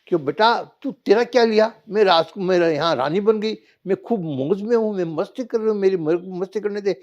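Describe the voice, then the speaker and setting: A man's voice: sits high, fairly quick, dull audio, voice pushed up, close to an everyday voice. A man voicing an old mother made young, a vain and haughty woman, in a told parable. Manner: haughty, self-satisfied.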